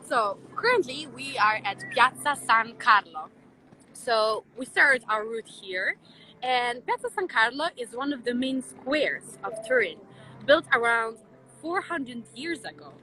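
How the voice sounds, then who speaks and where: A young woman hosts a casual city tour vlog outdoors in a square. Her voice is crisp and bright and sits fairly high, and she talks in a friendly way with many fillers. Light street noise stays in the background. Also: lively intonation, measured pace, poor audio. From Croatia. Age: young adult. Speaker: vlog host and student guide.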